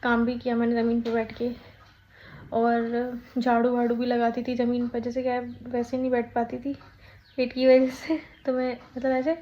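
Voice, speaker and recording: A woman's voice: a little high, completely flat delivery, moderate pace, highs cut off. A young woman chatting casually at home in a vlog, rambling and correcting herself as she talks. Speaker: vlogger. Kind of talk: casual pregnancy vlog chat.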